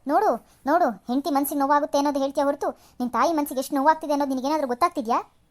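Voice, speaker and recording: A quarrelsome old mother-in-law from a cartoon serial, voiced by a woman, who scolds and complains in a high voice at a rapid clip. Her lines come in heavy sighs and self-pitying grumbles. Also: a little mellow, close to an everyday voice. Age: older. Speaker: cartoon voice actor.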